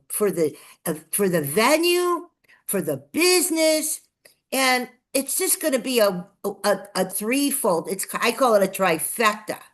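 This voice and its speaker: An older woman from Chicago, with the accent to match, appears as an interview guest who promotes nonprofit TV. Her voice is fairly high and a bit bright as she tells her personal story with enthusiasm, effusive and emphatic, repeating phrases for effect.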